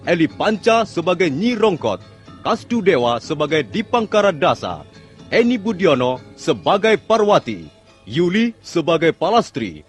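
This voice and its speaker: A man reading scripted credits and story narration in the manner of an old radio serial announcer. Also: fairly high pitch. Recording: music behind the voice. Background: music.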